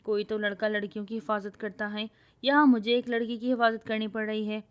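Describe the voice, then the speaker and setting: A woman's voice: medium pitch, fairly even intonation, clear, resonant tone, close to an everyday voice. Storybook casting: a bossy, boastful young woman who scolds and quarrels at full voice, as a woman reader plays her. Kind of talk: storybook reading.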